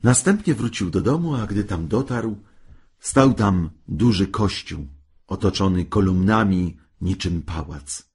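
Man, fairy-tale storyteller, low pitch, lively melody, husky breathy voice, slow reading.

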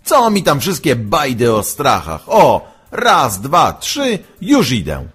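A man voicing a reckless, hot-headed boy who talks loudly and brashly. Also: mid-range voice, huge pitch swings, slow, husky, faint music behind, exaggerated voice. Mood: defiant. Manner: brash and shouting.

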